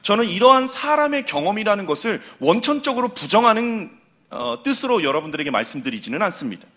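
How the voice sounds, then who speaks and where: Man, middle-aged pastor, sermon, high voice, bright and forceful tone, animated preaching. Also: fast.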